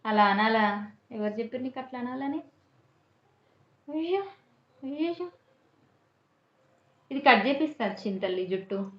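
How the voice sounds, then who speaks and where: Sing-song questions tumble out as a mother coaxes and teases her small child in a playful chat. She talks fairly quickly in a higher voice, recorded in an echoey, muffled home room.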